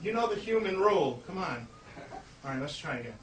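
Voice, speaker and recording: High-pitched flea circus showman in a noisy room. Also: big pitch swings, fairly quick. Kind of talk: live stage comedy magic act with puns and audience patter. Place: live indoor show before an audience. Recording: noisy, echoey room, distant mic.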